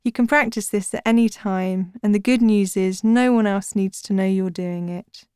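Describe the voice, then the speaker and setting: Female narrator for guided relaxation: mid-pitched, clear and smooth, soothing sleep-story delivery, measured and deliberate. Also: steady tone, mellow, no room sound, clean studio sound. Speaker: podcast host and author guiding breathing practices. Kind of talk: scripted narration.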